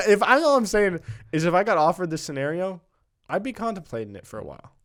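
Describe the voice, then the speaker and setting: A man's voice: sits high, very animated, fast talker, a bit bright. A young man hosting a podcast in casual banter, rambling in slang and leaning on "like" and "dude". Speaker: podcast host.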